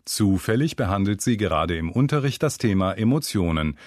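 Wry male story narrator, lowish voice. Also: brisk, no echo, clean studio sound. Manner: wry, storytelling with lively intonation. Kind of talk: scripted narration.

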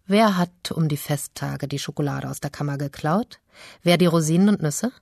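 Woman reading a stern mom who scolds, low soft voice, cold, dry close mic, audiobook. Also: normal speed, gravelly, dry recording. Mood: reproachful. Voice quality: soft, delicate. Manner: scolding, accusing questions. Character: stern reproachful mother, cold and strict.

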